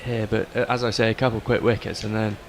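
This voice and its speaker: A man's voice: fairly low pitch, flat delivery, fast. A man giving conversational tactical analysis as a summariser on a cricket broadcast. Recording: clear outdoor background noise. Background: outdoor ambience of a cricket ground.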